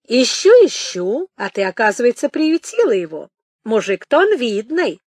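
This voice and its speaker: A woman voicing a jovial middle-aged male boatman who banters loudly and snorts with laughter. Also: very high-pitched, big pitch swings, moderate pace, no room sound, clean studio sound, full character voice. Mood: teasing.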